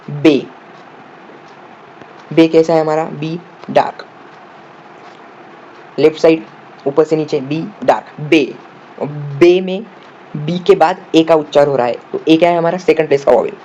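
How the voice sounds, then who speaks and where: A man explains shorthand step by step, asking the viewer questions and answering them himself, sometimes spelling words out slowly. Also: fairly high pitch, steady tone, darkish tone. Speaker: shorthand teacher. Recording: dull lo-fi audio with faint room noise.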